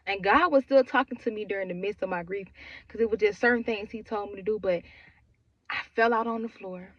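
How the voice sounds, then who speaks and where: In emotional personal storytelling, a woman in her twenties recounts her grief rawly and repetitively, with frequent "like" fillers. She speaks briskly in a mid-range voice, and the lo-fi audio has no echo.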